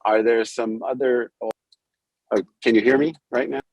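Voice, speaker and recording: A man's voice: mid-range voice, fairly even intonation, a little mellow, dry recording, low-quality recording. A man on the planning commission speaking hesitantly over a remote call connection, his voice breaking up. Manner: hesitant, halting, many fillers. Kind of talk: public meeting remarks. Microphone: remote call audio.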